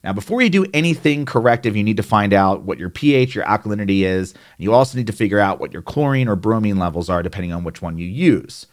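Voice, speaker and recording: A man's voice: fairly low pitch, lively intonation, quick pace, hardly any pauses. A man with a New Jersey accent explaining hot tub care in a conversational, plainspoken way, with fillers and asides. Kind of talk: instructional explainer.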